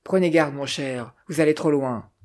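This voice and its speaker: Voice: medium pitch, moderate pace, darkish tone, pitched below the performer's own voice, close to an everyday voice. A reader voicing a formal, touchy French count making a solemn introduction. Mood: ceremonious. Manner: formal and ceremonious.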